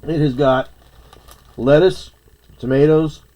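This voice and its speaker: A man's voice: fairly high pitch, steady tone, takes it slowly, warm tone. A man chatting casually on a livestream while he eats, sometimes talking with his mouth full. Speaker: streamer.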